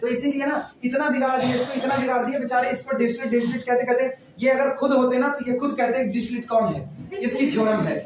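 A man's voice: very high-pitched, steady tone, fast, background noise. A man teaching math in a classroom, chatting and repeating phrases as he dictates notes. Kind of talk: classroom lecture. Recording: echoey room, mic far off.

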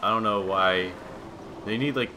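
Low-voiced grumbling man gaming. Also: a little slow, background noise. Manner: grumbling, sarcastic, swears when frustrated. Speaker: gamer playing a story game. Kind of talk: casual let's-play commentary. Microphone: desktop microphone.

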